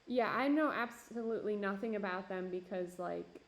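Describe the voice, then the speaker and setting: Working in her home pottery studio, a young Minneapolis–Saint Paul streamer talks casually with her chat, dropping lots of fillers and laughs. She speaks at medium pitch and normal speed, and she's losing her voice.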